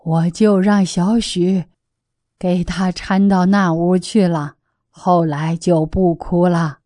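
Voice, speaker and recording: A woman reading the part of an elderly female lay Buddhist, retelling events in a slow, plain, homely way. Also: lowish voice, steady tone, warm tone, dry recording, clean studio sound.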